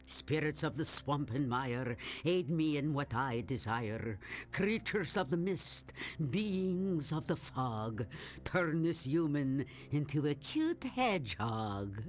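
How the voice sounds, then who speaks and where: A woman's voice: low-pitched, sing-song, heavily acted. An actress playing a gleeful, menacing old witch in a fantasy game, drawing out her words with mock sweetness. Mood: incanting. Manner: theatrical, drawn-out, mock-sweet cackling delivery. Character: gleeful menacing old witch Baba Yaga, man-eating. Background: game music.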